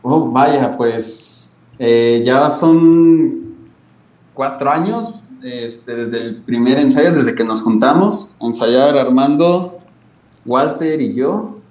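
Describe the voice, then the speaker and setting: A man's voice: mid-range voice, takes it slowly, darkish tone, distant mic. A Mexican man gives a casual interview over an internet call. He sounds echoey and away from the mic in a small room, and the line is slightly dull. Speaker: guest, band bassist. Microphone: video call.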